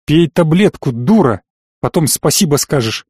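A man's voice: a little high, expressive, moderate pace, a little mellow, no echo, clean studio sound. A man reading an audiobook voices a domineering older noble father who speaks patronizingly and turns harsh and threatening. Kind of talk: audiobook character voice.

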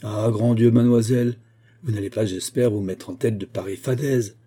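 A man's voice: fairly even intonation, fairly quick, mellow, husky. A man voicing a fussy, doting old female nurse who rambles on in a fairy-tale audiobook. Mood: fussing doting. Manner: fussy rambling, raised pitch.

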